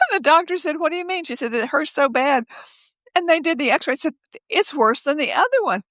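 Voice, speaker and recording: An older woman speaking as a guest over a video call from her home office, telling stories in a lively way, laughing often and acting out the voices of others. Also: high voice, moderate pace, no room sound. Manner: lively, laughs often, acts out quoted speech. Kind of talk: casual conversational storytelling.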